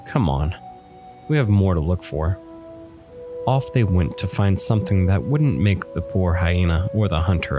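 A man narrating a fantasy storybook in a steady, descriptive reading. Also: low-pitched. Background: faint music and rain.

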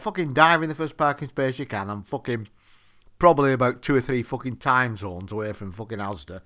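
A man's voice: on the high side, fairly bright tone. A man telling a profane, exasperated story as a ranting monologue. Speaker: podcaster.

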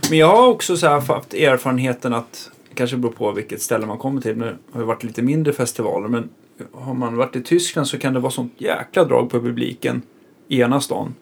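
A man's voice: mid-range voice, creaky, husky. A male musician chatting casually, thoughtful and loose, full of fillers as he reflects. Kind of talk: casual interview chat.

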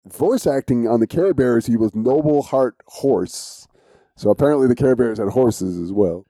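A man hosting a podcast in casual chat, speaking a little haltingly. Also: mid-range voice, lively intonation, mellow, no room sound. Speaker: podcast host.

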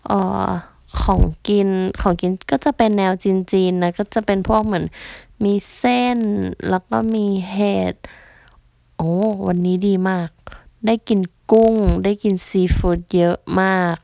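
A woman's voice: mid-range voice, fairly even intonation, a little slow, vocal fry, dark tone, dry recording. A woman telling a story in a casual, chatty way, acting out what other people said.

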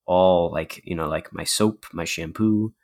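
A man's voice: deep voice, measured pace, a little mellow. A man in his twenties chatting casually as a podcast co-host, joking and self-deprecating, with the cave-like echo of a bare room. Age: 20s. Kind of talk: casual chat.

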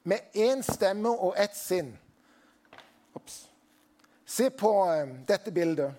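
A man's voice: high-pitched, a little mellow. A man preaching a sermon as pastor, talking conversationally and putting questions to the congregation.

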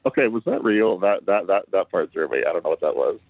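Man, payphone call, tinny phone line, low gravelly voice, crude joking banter. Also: expressive, fast talker, dry recording. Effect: heard over a phone line.

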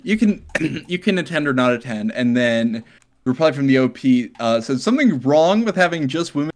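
A man's voice: medium pitch, expressive, normal speed. A man hosting a casual comedy podcast, reading forum posts aloud and laughing often. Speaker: podcast host.

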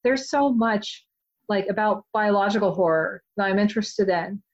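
A woman author being interviewed, talking in a chatty, animated way with many "like" fillers. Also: mid-range voice, normal speed, highs cut off. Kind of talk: casual interview chat.

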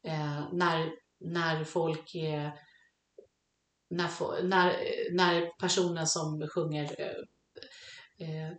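A woman co-hosting a casual chat about songs, talking in a halting, reflective way as she searches for words. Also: low voice. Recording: echoey room.

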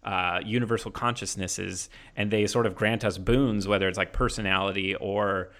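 A man's voice: on the low side, steady tone, normal speed, fairly bright tone. A man in his thirties hosting a casual chat, musing in a laid-back way and laughing easily. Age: 30s.

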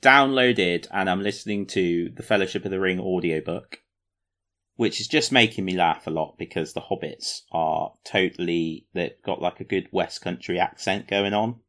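A man with a somewhat low voice chats casually on a podcast. He rambles with plenty of ums, jokes at his own expense and keeps things light and chatty. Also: moderate pace, a bit bright. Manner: jokey, self-mocking, rambling with fillers. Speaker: podcast co-host. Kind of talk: casual chat about tabletop wargaming.

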